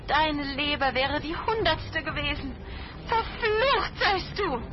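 A woman's voice: mid-range voice, very animated, unhurried, highs cut off, background noise. A woman voicing a sly female fox spirit disguised as a young sister, coaxing and then cursing. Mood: furious. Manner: pleading, then shrieking curses.

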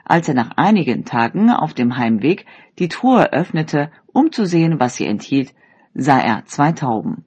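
A presenter reading a fairy tale aloud with lively, expressive intonation. The voice is husky and of middling pitch. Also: normal speed.

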